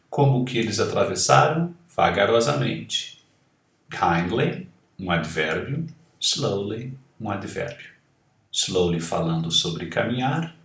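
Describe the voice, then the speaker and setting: A man with a Brazilian Portuguese accent giving an online English lesson, explaining words slowly and spelling out letters. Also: lowish voice, gravelly, fairly bright tone, roomy sound, far from the mic. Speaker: English teacher.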